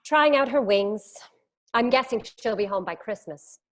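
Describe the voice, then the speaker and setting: Woman acting a higher-pitched, kind, wistful schoolteacher. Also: animated, measured pace, fairly bright tone. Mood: polite, mild. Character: quiet, polite young schoolteacher, wistful and kind. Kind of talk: period drama screenplay reading.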